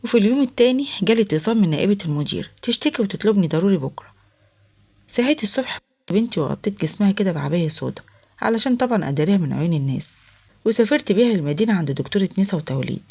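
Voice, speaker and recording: Rapid husky Egyptian woman storyteller. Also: medium pitch, animated, a little mellow. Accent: Egyptian Arabic. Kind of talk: first-person story narration.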